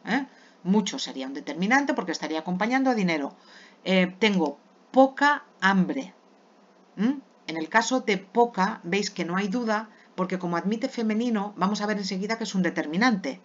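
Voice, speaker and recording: A woman from teaching a grammar lesson patiently, often checking in with her students. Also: medium pitch. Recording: dull lo-fi recording.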